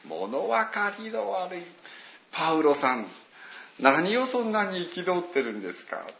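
A man's voice: high voice, big pitch swings, unhurried, gravelly. Man, pastor, sermon, storytelling manner, echoey, dull sound. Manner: storytelling with dramatic quoted asides.

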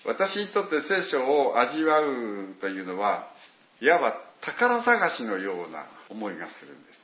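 A man's voice: medium pitch, wildly swooping pitch, a little slow, echoey room, muffled recording. A man preaching a sermon, telling it like a story with dramatic quoted asides. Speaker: pastor.

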